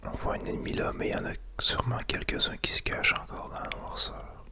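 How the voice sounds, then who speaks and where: A man from Quebec, with a Québécois French accent, whispers casual ASMR commentary while playing a video game. His breathy, unvoiced whisper stays hushed and unhurried as he narrates his play.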